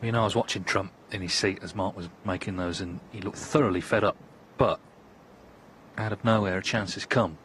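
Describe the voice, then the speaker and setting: A man giving measured, understated analysis as part of live snooker commentary. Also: low-pitched, steady tone, fairly bright tone. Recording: crowd ambience and background noise.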